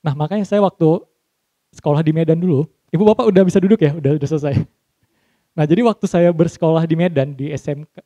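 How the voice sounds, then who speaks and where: A man's voice: a little high, mellow, no room sound, dull audio. A young man leading a voice training workshop, joking with the audience and demonstrating exercises. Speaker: speaking trainer.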